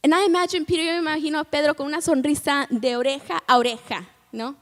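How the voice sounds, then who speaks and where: A woman with a high voice preaches to a congregation, moving between Spanish and English and often putting questions to her listeners. She acts out scenes with dramatic quoted lines. The recording carries the long reverb of a church sanctuary. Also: steady tone, quick pace, a bit bright. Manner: asks the congregation frequent questions. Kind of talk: bilingual sermon.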